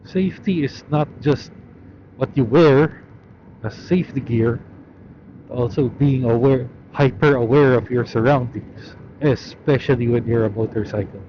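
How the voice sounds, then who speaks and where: A man's voice: medium pitch, measured pace. A man talking casually to himself from inside a helmet as he rides a motorcycle, musing offhand in a muffled voice. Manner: musing aloud, offhand, with swearing. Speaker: motorcycle vlogger. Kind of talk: rambling casual commentary while riding. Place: inside a helmet, riding a motorcycle outdoors at night. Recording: muffled helmet audio, loud engine and wind noise.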